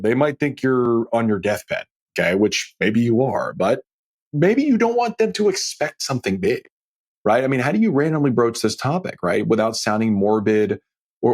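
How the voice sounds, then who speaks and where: With a medium-pitched, somewhat mellow voice, a middle-aged financial planner runs his podcast alone. He chats in a folksy, emphatic style and keeps tossing in rhetorical check-ins.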